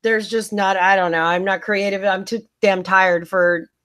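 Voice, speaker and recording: A woman's voice: mid-range voice, steady tone, normal speed, fairly bright tone, clear, resonant tone, no echo. A woman co-hosting a casual podcast chat, easygoing and steering the topics. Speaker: podcast co-host.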